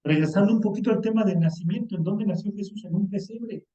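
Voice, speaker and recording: A Mexican man with a high, dark, mellow voice delivers a lively, colloquial sermon and slips into the voices of the people he quotes. He sounds distant in a roomy, echoing hall, and the recording is dull and lo-fi. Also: fast talker. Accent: Mexican Spanish. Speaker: preacher.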